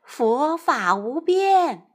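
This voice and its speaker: Lady doing a wise magic beast, hushed and slow, storybook. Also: sits high, big pitch swings, exaggerated voice.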